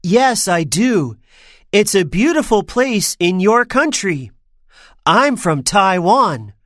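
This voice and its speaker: A woman's voice: medium pitch, no room sound, clean studio sound. Woman voicing a friendly young schoolboy. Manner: lively, clear, slow. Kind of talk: slow scripted textbook dialogue.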